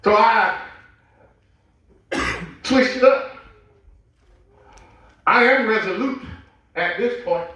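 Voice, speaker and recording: A man with a Southern US accent preaching a sermon with call-and-response, slowing down and shouting for emphasis. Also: sits high, highs cut off. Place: large echoey church sanctuary. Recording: echoey church hall from far off.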